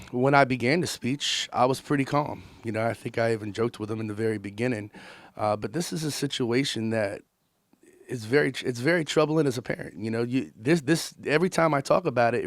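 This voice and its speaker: A man's voice: mid-range voice, no room sound. Earnest frustrated father, dry sound. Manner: earnest, frustrated, many restarts. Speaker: interviewed parent. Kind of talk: sit-down interview.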